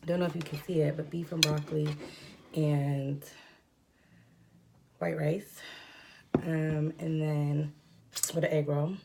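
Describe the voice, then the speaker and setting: A woman's voice: sits low, slow, vocal fry, long pauses, noisy background. A young adult woman talking casually while eating a mukbang meal at home, rambling with lots of fillers and breathing heavily from a cold. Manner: rambling, filler-heavy, relaxed. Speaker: mukbang vlogger. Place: at home indoors.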